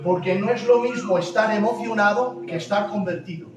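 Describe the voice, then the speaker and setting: A man's voice: sits high, moderate pace, noisy background. A man from preaching a sermon, emphatic, repeating key phrases and asking the congregation questions. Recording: very echoey hall, distant mic, music behind.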